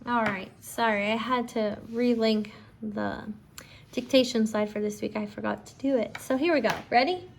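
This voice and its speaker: A woman teaching a phonics lesson casually, giving slow school dictation with repeated words and prompts for a child. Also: on the high side, vocal fry, slight background noise. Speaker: home phonics teacher, parent-style instructor.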